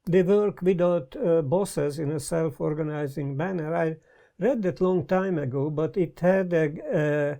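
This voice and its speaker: An older man with a Hungarian accent, talking in a thoughtful, halting way with many pauses, interviewed in a book-lined study on a lapel mic. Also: a little high, creaky, mellow. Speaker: guest. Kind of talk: casual conversation. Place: study lined with bookshelves, indoors.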